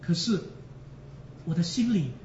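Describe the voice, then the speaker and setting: A man's voice: high voice, lively intonation, a little slow, darkish tone, slight background noise. A man preaching a sermon with emotion, repeating phrases for emphasis and speaking straight to the congregation. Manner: addresses the congregation directly. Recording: echoey, distant, dull sound.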